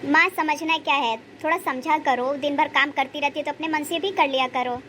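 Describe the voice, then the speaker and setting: Woman playing an adult son, blunt, lecturing, high voice, cartoon story. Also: normal speed, pushed and bright, slight background noise.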